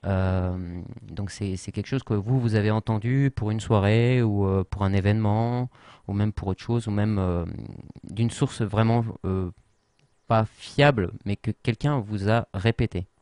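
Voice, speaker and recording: Male tutorial host, low voice, hesitant and filler-heavy, writing as he talks; dry close sound. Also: unhurried, darkish tone, clean tone, dry recording. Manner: hesitant, many fillers and restarts. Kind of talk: casual tutorial explanation. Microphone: worn mic.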